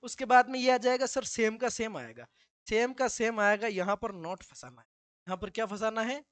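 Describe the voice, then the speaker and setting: A man's voice: high voice, normal speed, a bit bright, dry recording. A male teacher giving a classroom grammar lesson, with joking asides and slips into local dialect.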